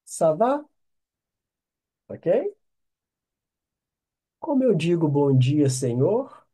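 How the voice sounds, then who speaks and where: A man's voice: fairly high pitch, big pitch swings, drawn-out words, mellow, husky. A Brazilian man with a Brazilian Portuguese accent teaching an online French lesson, patiently drilling phrases and checking with "ok?".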